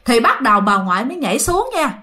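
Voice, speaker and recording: A woman's voice: a little high, sing-song, fast, bright, forceful tone. Chatty Southern Vietnamese woman storyteller. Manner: chatty, addresses listeners directly. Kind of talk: told ghost story.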